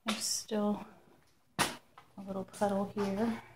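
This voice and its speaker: A woman slowly narrating a walkthrough of a damp basement, thinking aloud and often clearing her throat. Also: mid-range voice, flat delivery, background noise. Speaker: property inspector. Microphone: phone camera held while walking.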